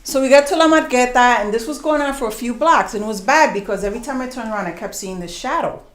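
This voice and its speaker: A woman's voice: a little high, roomy sound. New woman telling a story live. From New York, USA. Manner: animated, conversational, acts out voices and slows for emphasis. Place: storytelling concert venue with audience.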